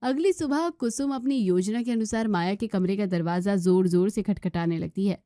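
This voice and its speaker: A woman's voice: medium pitch, moderate pace, mellow, no echo, studio quality. A woman narrating a moral story in plain storytelling style.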